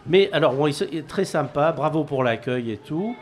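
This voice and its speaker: A man with a somewhat high voice chats loosely as a co-host, often restarting his sentences. His manner is casual and easygoing on air. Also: lively intonation, fairly quick. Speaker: show panelist, co-host.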